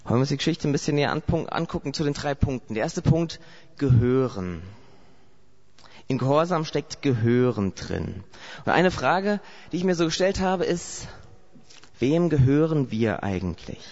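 Lively preacher man, slightly high voice. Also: fairly quick. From Saarland, Germany. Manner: lively storytelling with rhetorical questions. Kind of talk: sermon. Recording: dull lo-fi recording.

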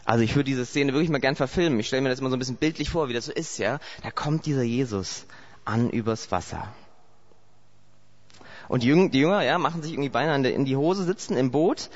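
A man's voice: medium pitch, quick pace. A man from Saarland preaching a sermon, telling the story vividly and asking repeated rhetorical questions, in a dull lo-fi recording. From Saarland, Germany.

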